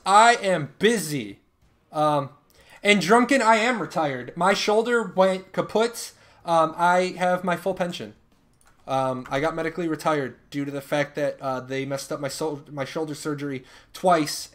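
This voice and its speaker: This live stream host, a man in his thirties, keeps things light, joking with his audience and bantering with chat between giveaways. His voice is on the high side and fairly bright.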